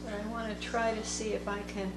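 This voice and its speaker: A woman teaching watercolor, thinking aloud slowly as she paints at a table. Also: mid-range voice, flat delivery. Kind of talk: unscripted painting tutorial narration. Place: indoor table workspace. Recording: echoey room with background music. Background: soft instrumental music.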